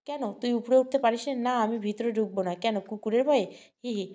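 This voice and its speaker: A woman's voice: on the high side, a little fast, mellow, lightly acted. A woman voicing a playful young woman who teases her friend over the phone. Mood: teasing.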